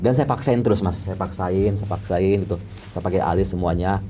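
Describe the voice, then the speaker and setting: Rapid low-voiced man telling a tale. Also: mellow, soft background music. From Depok, Indonesia. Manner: vivid, acts out sounds with "tek, tek" effects; casual Jakarta slang. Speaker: makeup artist guest. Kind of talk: storytelling in an interview.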